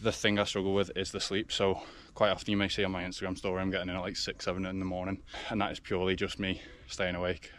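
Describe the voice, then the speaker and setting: A young man with an English accent chats informally to his camera in the open air. His voice sits a little low, and faint ambient noise runs behind it. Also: completely flat delivery, fast talker, hardly any pauses, a bit bright. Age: 20s. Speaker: fitness vlogger. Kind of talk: casual vlog chat. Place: outdoors in a forest. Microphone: action camera. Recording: faint outdoor background noise.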